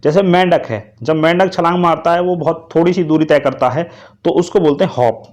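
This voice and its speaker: A man's voice: fairly high pitch, brisk, darkish tone. A man teaching English vocabulary to students, speaking to them directly and asking them to repeat each answer. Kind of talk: vocabulary lesson.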